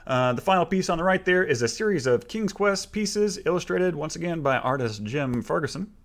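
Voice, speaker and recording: A man's voice: on the high side, animated, fairly quick. A man narrating a casual guided video tour as the guide of his own room.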